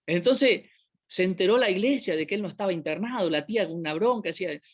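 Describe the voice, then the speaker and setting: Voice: mid-range voice, quick pace. Argentine preacher telling a funny church story, mid voice, quotes people in the story, kinda muffled lo-fi audio. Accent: Argentine Spanish. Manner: anecdotal, animated retelling with voiced quotes. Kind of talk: storytelling sermon. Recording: dull lo-fi recording.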